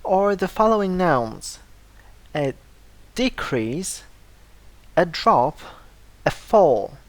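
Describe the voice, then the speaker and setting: Steady, deliberate English teacher, mid-pitched voice, dry close sound, repeats every word list for learners. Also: no room sound. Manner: slow, careful delivery, repeating word lists for learners; stresses syllables to model pronunciation. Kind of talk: scripted vocabulary lesson.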